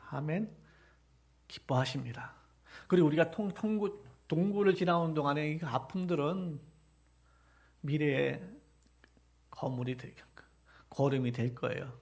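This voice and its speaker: High-voiced Korean pastor preaching. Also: male voice, creaky. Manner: impassioned preaching that builds from soft reflection to loud exhortation; rhetorical questions to the congregation. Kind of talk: sermon. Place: church sanctuary during a live service.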